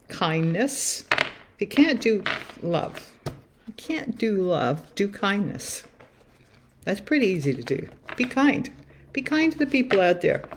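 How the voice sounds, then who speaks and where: A woman's voice: lowish voice, slight background noise. A woman talking on her own in a loose, earnest way, repeating phrases as she draws cards and muses. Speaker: spiritual card reader. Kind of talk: musing solo livestream talk.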